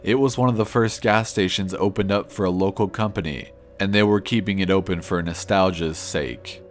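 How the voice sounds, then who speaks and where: A man narrating true scary stories in a slow, measured storytelling manner. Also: sits low. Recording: faint music under the voice.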